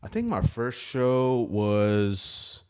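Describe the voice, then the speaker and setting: Animated Texan man telling stories. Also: medium pitch, drawn-out words, smooth. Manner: animated storyteller, acts out others' voices. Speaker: podcast guest, stand-up comic. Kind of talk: casual chat, storytelling.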